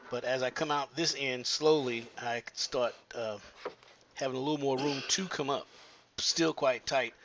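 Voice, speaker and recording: A man of ordinary, mid-range pitch talks through a plumbing job in a how-to video. He speaks haltingly and keeps stopping to fill pauses as he works in a tight attic crawl space. A faint hum of ambience sits under his voice. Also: fairly bright tone. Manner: halting, with many filler pauses. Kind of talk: how-to narration while working.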